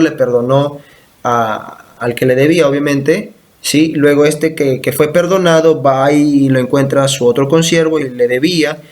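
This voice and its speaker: A man preaching a church sermon, reading scripture aloud and repeating verses with frequent check-in questions to his listeners. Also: fairly high pitch. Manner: teaching, repeats verses and asks "¿sí?".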